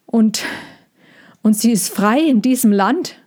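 A woman reading a storybook, voicing a gruff male circus boss who blusters loudly. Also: a little high, expressive, slow pace. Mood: shaken.

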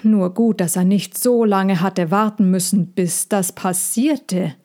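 A woman narrating a children's story in a gentle, measured reading voice. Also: mid-range voice. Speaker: audiobook reader.

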